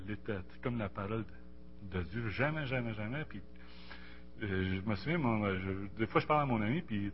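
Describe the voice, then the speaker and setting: Halting Québécois man, muffled recording. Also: medium pitch. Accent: Québécois French. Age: 40s. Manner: halting, repeats words and restarts often, colloquial. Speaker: Bible study participant. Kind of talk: casual religious discussion with personal testimony. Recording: muffled lo-fi audio, faint hum.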